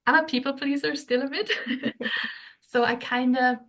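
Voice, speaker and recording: A young woman, a podcast guest telling her story in a soft, hesitant way with frequent fillers and light laughs. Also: sits high, fairly even intonation, unhurried. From Switzerland. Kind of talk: casual interview chat.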